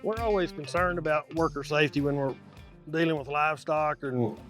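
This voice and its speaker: A man's voice: on the high side, brisk, a bit bright, soft background music. A man explaining things in an interview as a livestock industry expert.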